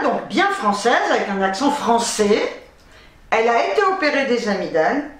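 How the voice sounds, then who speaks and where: A woman's voice: a little high, fairly bright tone, roomy sound. An older woman, a grandmother, chatting casually to camera as a vlogger, laughing often and speaking bluntly with the odd swear word. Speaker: shopping-haul vlogger. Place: home office.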